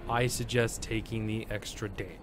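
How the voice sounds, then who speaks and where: A man's voice: on the low side, fairly even intonation, normal speed, noisy background, close to an everyday voice. A man playing a cautious adventurer. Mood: earnest. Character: earnest male adventurer advising his party.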